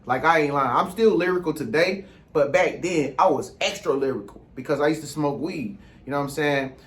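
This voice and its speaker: An American man with a fairly high voice delivers an informal, rambling monologue as a vlog host. He speaks in street slang and keeps circling back with little check-in phrases to make sure he is followed. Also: a little fast, a bit bright.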